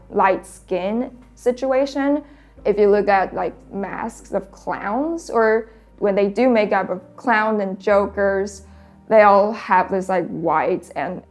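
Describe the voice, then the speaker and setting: Young woman painter, medium pitch, reflective and searching, faint music under her. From Taiwan. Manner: thoughtful, searching for words. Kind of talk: documentary interview.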